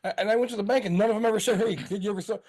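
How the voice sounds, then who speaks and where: A man's voice: high voice, steady tone, racing, darkish tone. A man co-hosting a casual podcast, rambling as he explains investment numbers, with the odd swear. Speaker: podcast co-host.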